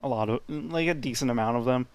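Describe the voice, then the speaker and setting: Smooth-voiced man running a tabletop game. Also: mid-range voice, fast, no echo. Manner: casual, hesitant narration with many fillers. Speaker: game master.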